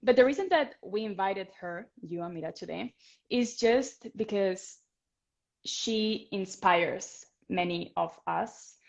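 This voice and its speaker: A woman's voice: mid-range voice, takes it slowly, gravelly. Female interview host; enthusiastic, upbeat, talks her guest up. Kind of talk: casual interview.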